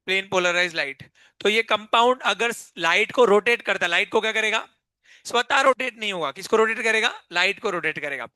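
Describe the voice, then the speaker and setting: Bright, crisp male chemistry teacher. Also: high voice, expressive, brisk, dry recording. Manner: quizzing, repeating key terms as questions. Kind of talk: live online class lecture.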